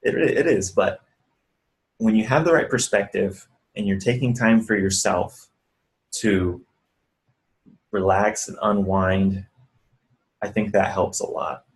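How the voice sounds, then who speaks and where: Speaking slowly with long pauses, a man whose voice is on the low side guides viewers through breathing on a rough recording. He's a physical therapist and clinic owner giving earnest, conversational advice in a casual vlog.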